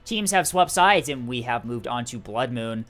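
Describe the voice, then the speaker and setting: A man's voice: mid-range voice, expressive, normal speed, fairly bright tone, soft background music. A man giving live esports commentary on a strategy game tournament, chatty and full of fillers. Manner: chatty, filler-heavy play-by-play with frequent "uh" and "um". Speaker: tournament caster.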